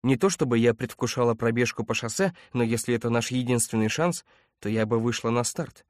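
A man's voice: mid-range voice, fairly quick, no echo, studio quality, natural voice. A man voicing a determined woman who speaks plainly and wryly.

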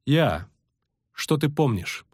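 Man doing an elf sorceress, raised pitch, husky, calm, patient, commanding, audiobook. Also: slow pace, no echo, clean studio sound, full character voice. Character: cool, patient elven sorceress woman.

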